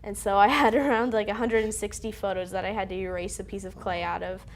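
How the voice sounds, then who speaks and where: A woman's voice: medium pitch, steady tone, quick pace, slight background noise. A teenage girl, a student filmmaker, chatting in an interview with many fillers. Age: teens. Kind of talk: casual interview.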